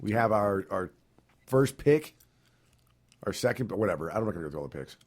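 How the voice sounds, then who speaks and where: A man's voice: fairly low pitch, animated, a little fast. A man hosting a podcast, chatting casually and laughing as he runs through fight results. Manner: laughs often, reads off results loosely. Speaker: podcast host.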